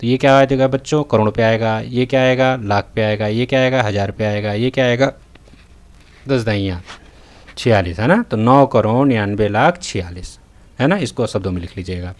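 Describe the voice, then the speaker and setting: This math tutorial comes from a North Indian man whose voice is on the low side and moves at a moderate pace. He narrates over his tablet writing, often confirming students are keeping up, with repeated "theek hai" and "hai na."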